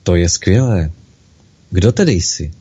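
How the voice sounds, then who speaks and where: A man voicing a patient, kindly God in a spoken storybook, calm and gentle. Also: low-pitched, breathy edge. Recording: dull lo-fi recording.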